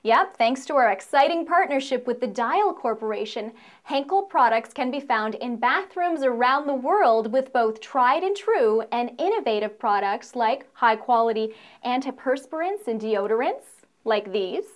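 A woman's voice: fairly high pitch, expressive, moderate pace. A young adult woman presenting a scripted promotional video in an upbeat, playful, salesy way.

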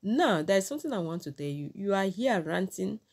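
Talking directly to her viewers, this middle-aged vlogger with a Nigerian accent scolds them and leans on proverbs while giving her opinions. Her voice is medium in pitch, sing-song and brisk. She's in a small room with curtains.

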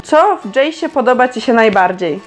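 A woman's voice: fairly high pitch, expressive, normal speed, music in the background. A young woman casually reading quiz questions aloud and answering them with chatty, sarcastic comments. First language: Polish. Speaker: vlogger.

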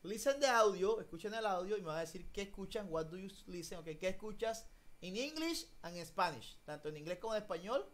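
A teacher with an expressive, brisk, medium-pitched voice leads children through an online English lesson. Alternating Spanish and English, they stay patient and encouraging, calling on each child by name.

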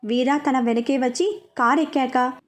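Woman storyteller, high voice, expressive serial-romance reading. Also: unhurried.

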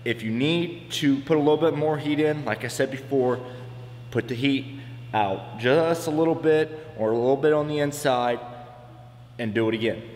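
In an echoey metal shop with long reverb, a man in his thirties explains welding in a plain, practical way while demonstrating fabrication. His voice is mid-range and slightly mellow at a moderate pace, recorded from afar on a camera mic with a faint hiss or hum.

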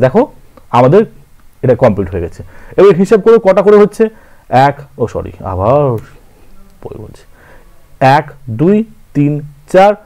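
Man, Bengali accent, literature tutor, slow delivery, animated pitch, counts syllables aloud. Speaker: literature teacher. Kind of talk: scanning verse syllable by syllable.

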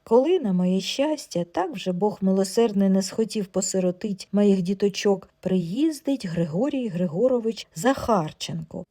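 Mellow woman telling a folk tale. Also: mid-range voice, normal speed, hardly any pauses. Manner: lively, expressive folk storytelling. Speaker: audiobook narrator. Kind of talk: storytelling audiobook narration.

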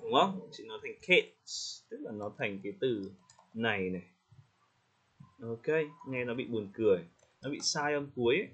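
Man coaching pronunciation, husky. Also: medium pitch, animated, fairly bright tone. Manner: friendly, demonstrates words slowly with small laughs. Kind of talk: casual spoken feedback on a student's recording. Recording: slightly dull lo-fi audio.

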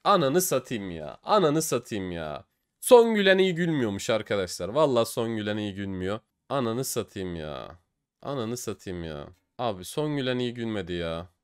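A young man giving excitable gaming commentary as he opens online cases, swinging between cheering and despair. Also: lowish voice, normal speed, smooth. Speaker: case-opening streamer.

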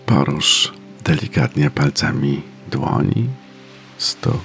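A man narrating a guided meditation in a soft, soothing, unhurried manner with pauses between phrases. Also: a bass voice, animated, creaky. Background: faint music.

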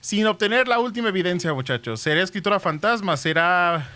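A man's voice: high-pitched, expressive, a little fast, pushed and bright, slight background noise. A man streaming a ghost-hunting game, chatting with viewers and thanking them, with dramatic exclamations. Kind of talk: live game stream with chat.

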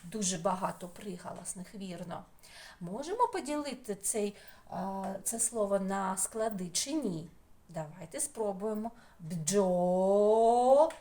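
Slow sing-song kindergarten teacher woman. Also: mid-range voice, lively intonation, darkish tone. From Ukraine. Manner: slow, sing-song, drawn-out sounds and syllables. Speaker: preschool teacher. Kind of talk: slow phonics lesson for young children. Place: home, distance lesson.

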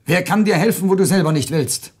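A man voicing a mysterious, insistent male spirit that tempts and presses, in a stern, raised, husky voice. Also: high-pitched, brisk, a little mellow, voice pushed up.

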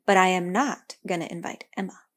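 A woman voicing an upset young girl who talks in a high, huffy, insistent way. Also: brisk, fairly bright tone. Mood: indignant.

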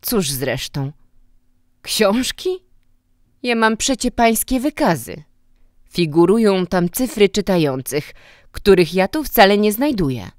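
A woman's voice: mid-range voice, sing-song, slow, a little mellow, dry recording, clean studio sound, pitched above the performer's own voice. A woman reading a story voices a stern, mocking middle-aged man, a school director who scolds and lectures. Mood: scornful.

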